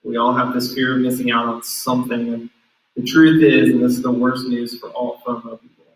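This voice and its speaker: A man's voice: mid-range voice, little pitch movement, a little fast. A man hosting a youth group livestream, easygoing and encouraging, with frequent ums. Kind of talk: casual livestream chat. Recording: roomy room, mic at a distance.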